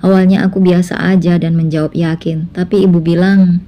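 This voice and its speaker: A woman's voice: lowish voice, little pitch movement, normal speed, dark tone, lightly acted. A woman voicing a self-assured adult husband in a spoken family drama story, in a casual tone.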